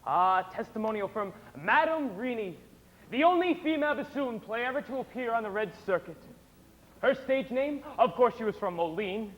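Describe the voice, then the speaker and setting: A teenage actor playing a confident, smooth-talking traveling salesman in a stage musical. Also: very high voice, expressive, normal speed, a bit bright. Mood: glib. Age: teens. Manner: glib and persuasive. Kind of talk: high school musical theater acting. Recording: stage recording in a reverberant hall.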